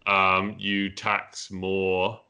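A man's voice: low-pitched, monotone, drawn-out words, bright, forceful tone, clean tone, muffled recording. A man, hosting a casual podcast discussion, rambling with many fillers. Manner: rambling, many fillers, laughs at own jokes. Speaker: podcast host. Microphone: headphones and mic.

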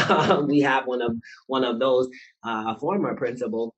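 A man's voice: medium pitch, moderate pace, breathy edge, rough recording. A man who runs a nonprofit and is running for school board, speaking earnestly and building to emphatic points in a casual panel chat beside a fireplace. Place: indoor room beside a fireplace.

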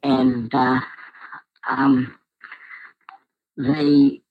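A man's voice: medium pitch, monotone. Man with a disguised, altered voice. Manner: curt and halting, with many hesitations. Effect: voice electronically altered to disguise him. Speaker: reluctant interviewee on a cold call. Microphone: telephone call. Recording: muffled phone line.

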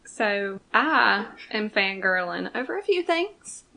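A woman's voice: mid-range voice, very animated, slow pace, creaky, bright, forceful tone. A woman co-hosting a fan podcast, chatting casually in a dry, easygoing way. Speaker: podcast co-host.

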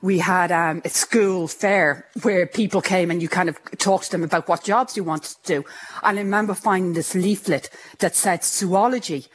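A woman's voice: on the low side, moderate pace. A woman from Ireland with a speech impediment, telling her own story in a candid, self-mocking way and carefully sounding out hard words. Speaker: interviewee. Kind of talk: personal storytelling.

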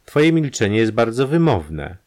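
A man's voice: medium pitch, sing-song, unhurried, pitched above the performer's own voice. A man voicing a proud, wealthy woman in an audiobook, speaking sharply and with irony. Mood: sharp, ironic. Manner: sharp, ironic. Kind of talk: audiobook character reading.

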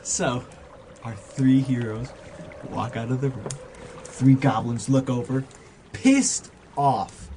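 A man narrating as game master of a tabletop role-playing game, describing scenes in a relaxed, chatty way and laughing easily. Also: medium pitch, slow, pauses often, a little hiss or hum, poor audio. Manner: relaxed, laughs often, restarts phrases. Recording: music clearly behind the voice.

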